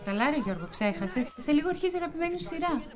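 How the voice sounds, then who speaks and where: A woman's voice: sits high, expressive, soft background music. An actress playing a tender middle-aged mother who speaks in a soothing, pleading way. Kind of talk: drama film dialogue. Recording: film score loud beneath.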